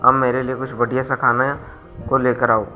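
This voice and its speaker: A man's voice: medium pitch, flat delivery, moderate pace, pushed and bright, faint music behind, close to an everyday voice. A man voicing a stingy, harsh older woman, a mother-in-law in a storybook tale, who scolds and gives orders. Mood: scolding. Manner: scolding, bossy.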